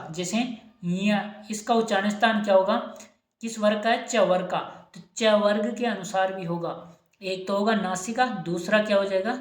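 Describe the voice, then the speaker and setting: A woman teacher running an exam-prep lesson, her voice at a middle pitch and ringing in an echoey room. She poses each question and answers it herself, repeating the key terms so they stick.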